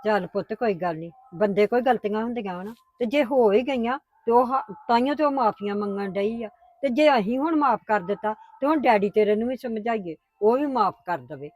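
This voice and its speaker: Brief: a woman as a soothing grandmother, gentle, placating, raised pitch, dry close sound. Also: expressive, a little fast, few pauses, dry recording. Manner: coaxing, placating. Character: patient grandmother, soothing mother-in-law. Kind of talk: family drama acting.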